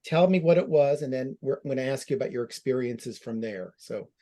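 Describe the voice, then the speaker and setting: A man's voice: mid-range voice, fairly quick, mellow. Male panel moderator prompting guests. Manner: friendly, prompting questions with restarts.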